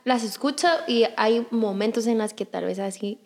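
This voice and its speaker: A young woman chatting casually, telling a personal story in an animated way with many restarts. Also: fairly high pitch, moderate pace. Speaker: podcast guest. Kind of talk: casual chat.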